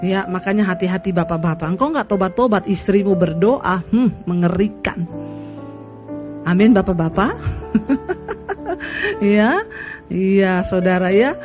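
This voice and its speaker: A woman pastor preaching an animated sermon, acting out quoted people as she tells the story. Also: mid-range voice, moderate pace, over music.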